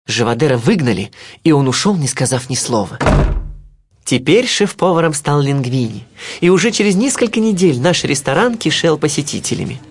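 A man's voice: a little high, big pitch swings, normal speed, a little hiss or hum. A man reading a children's storybook aloud as narrator, telling it in the first person with expression.

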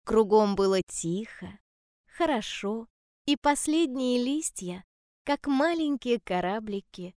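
A woman telling a children's story in a calm, gentle and measured way. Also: on the high side, dry recording, clean studio sound.

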